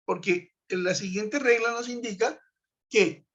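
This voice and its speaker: A man's voice: sits high, slow, fairly bright tone. A man teaching an English grammar class over a web conference, patiently walking through each rule step by step and checking in with his students. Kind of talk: online class explanation. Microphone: web conference computer mic. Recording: dull lo-fi web conference audio.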